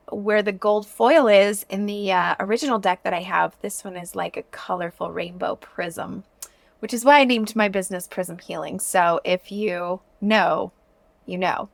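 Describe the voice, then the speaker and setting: A woman speaks as a podcast host in a casual, chatty style, addressing her listeners directly. Her delivery is expressive, with a mid-range pitch, and the sound is close and dry with very little room. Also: no room sound.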